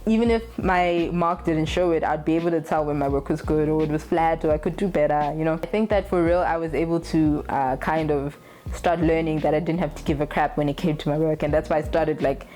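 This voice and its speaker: Low-voiced, blunt young woman vlogger. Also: steady tone, fairly quick, warm tone. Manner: candid, blunt, swears freely, laughs often. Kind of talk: casual talk to camera.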